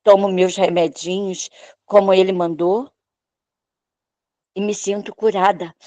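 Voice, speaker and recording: A woman tells her healing testimony at a church service. She speaks slowly and with emotion, raising her voice to act out the doctors' words. Her voice is recorded close and dry, with no room sound. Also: medium pitch, little pitch movement, warm tone, no echo. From Brazil. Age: 60s. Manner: emotional storytelling, acting out the doctors' lines. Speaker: church member giving testimony.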